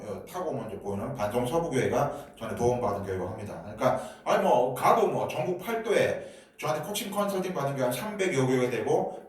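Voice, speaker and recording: Speaking in a mid-range voice, a Seoul-born guest pastor in his fifties blends Gyeongsang dialect with Seoul speech. His sermon is humorous and conversational, full of jokes aimed at the congregation. The church sanctuary is very echoey, and he's recorded from far away.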